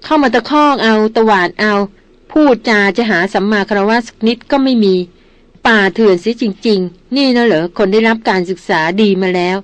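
A woman's voice: a little high, normal speed, no room sound, lightly acted. Proud young society lady who scolds and complains, read by a woman narrator, dry close audiobook sound. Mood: indignant. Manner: indignant complaining. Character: headstrong young noblewoman, proud and sharp-tongued.

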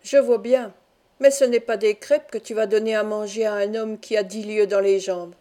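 A woman doing a rough, curt peasant man. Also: mid-range voice, steady tone, moderate pace, warm tone, lightly acted. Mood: gruff. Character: stern rough peasant man, hungry, domineering.

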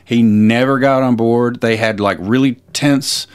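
A man's voice: mid-range voice, fairly even intonation, unhurried, clean tone. A man co-hosting a podcast, chatting casually and retelling a story with lots of fillers and restarts. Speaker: podcast co-host. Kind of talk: casual chat.

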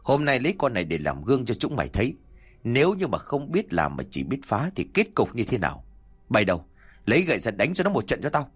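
A man's voice: fairly low pitch, wildly swooping pitch, brisk, husky, heavily acted. Man doing a brutal old landlord. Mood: commanding. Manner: barking, threatening. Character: cruel, greedy old male landlord, hot-tempered.

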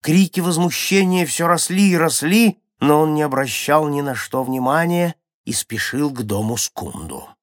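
A man reading a story aloud for a children's audiobook, with dramatic swings between loud passages and hushed ones. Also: fairly high pitch, animated, moderate pace, hardly any pauses, no echo, studio quality. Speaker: audiobook narrator.

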